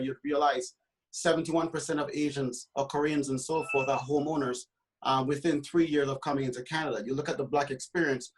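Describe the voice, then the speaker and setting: Guy from trinidad, realtor on a panel, kinda high voice, talks passionate with lots of ums and restarts. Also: low-quality recording. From Trinidad and Tobago. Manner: passionate, many fillers and restarts. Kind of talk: earnest panel discussion.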